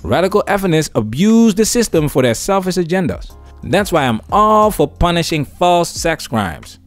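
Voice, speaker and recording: A man's voice: on the high side, big pitch swings, moderate pace, soft background music. A man hosting an opinion news commentary show, talking through clips and reacting to them. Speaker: host of a commentary channel.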